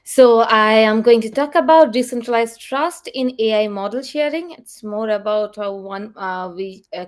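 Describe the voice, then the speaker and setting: A woman researcher giving an invited talk over a video call, explaining in an earnest, halting way. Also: medium pitch.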